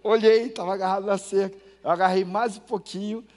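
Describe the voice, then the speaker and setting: A Brazilian pastor delivers a sermon to his congregation in a high voice. He tells homely stories and throws questions to the pews, swinging from loud bursts to hushed asides. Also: fairly quick. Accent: Brazilian Portuguese. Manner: storytelling, lively swings between loud and hushed. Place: church.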